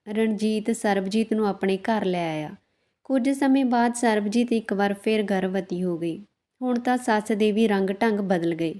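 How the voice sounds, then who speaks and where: A woman narrating a scripted family story in a steady, even reading voice. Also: medium pitch.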